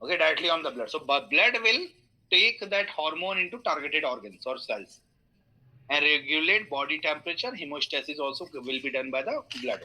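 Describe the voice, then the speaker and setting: A middle-aged man with an Indian English accent teaching an online class, explaining with everyday analogies, pausing on fillers and inviting questions. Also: a little high, expressive, pushed and bright, low-quality recording. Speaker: instructor.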